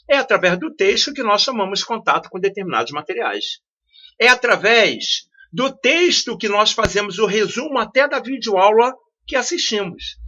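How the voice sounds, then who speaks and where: A man's voice: high voice, pushed and bright. A man teaching a study lesson, explaining with rhetorical questions and repeating key phrases. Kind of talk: classroom-style video lesson. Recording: dull lo-fi audio.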